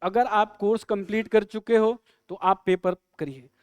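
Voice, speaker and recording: Male English tutor, high and crisp, quizzes the class with jokes. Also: fairly even intonation, no room sound. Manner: quizzing students with quick questions and jokes. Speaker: English teacher. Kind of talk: live online exam-prep lesson.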